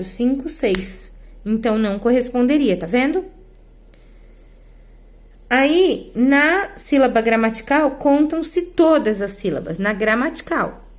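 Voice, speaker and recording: A woman teaching step by step. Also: fairly high pitch. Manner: explains step by step with frequent checks like "tá?" and "né?". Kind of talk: online class lesson.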